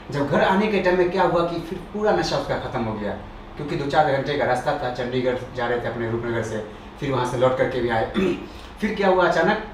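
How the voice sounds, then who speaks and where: A man's voice: on the high side, slight background noise. A young man telling a rambling comic story, correcting himself and acting out the dialogue, recorded far off in an echoey room. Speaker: stand-up comedian. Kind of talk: storytelling stand-up.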